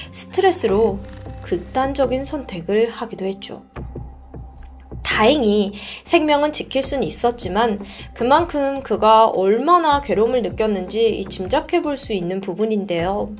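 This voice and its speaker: A woman's voice: fairly high pitch, expressive, normal speed, darkish tone, soft background music. A woman host telling a true story in a casual, chatty way, often putting questions to the listener.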